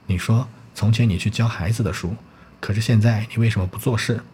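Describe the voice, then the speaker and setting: A chatty, blunt peasant maidservant who scolds and teases , read out by a man in his own voice. The voice stays low and plain, with only a faint hiss of room ambience behind it. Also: fairly even intonation, a little fast, warm tone, natural voice. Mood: chiding. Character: talkative peasant maidservant woman, blunt and teasing.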